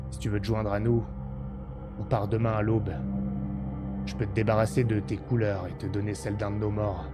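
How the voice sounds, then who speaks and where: Man playing a low-voiced weary veteran soldier. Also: natural voice. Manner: low, measured, resigned. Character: stern, world-weary veteran soldier, calm and pragmatic.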